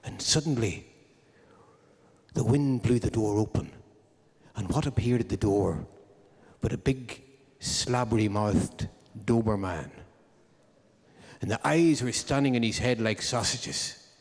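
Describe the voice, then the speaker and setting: A man's voice: on the low side, measured pace, long pauses, darkish tone. A man, hosting a live music show and telling a comic story to the audience with droll timing. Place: live concert hall. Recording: long hall reverb from a live venue.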